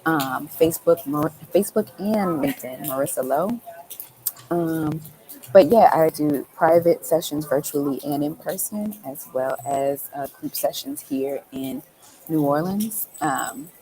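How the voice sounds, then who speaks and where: A woman's voice: sits low, lively intonation, measured pace, dark tone, poor audio. A woman breathwork coach, a guest on a casual live-stream chat, speaks reflectively and often adds "um" and "right?". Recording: audible background noise.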